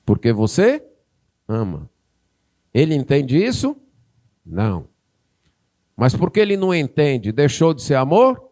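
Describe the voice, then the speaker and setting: Animated Northeastern Brazilian pastor preaching. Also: male voice, medium pitch, a little slow, long pauses. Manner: animated preaching, acts out parent and child in a raised voice. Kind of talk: sermon.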